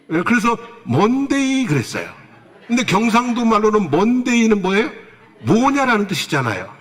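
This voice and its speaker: A man preaching a Sunday sermon as pastor, who asks his congregation questions and answers them himself, with playful asides. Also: high voice. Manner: tells jokes with playful asides.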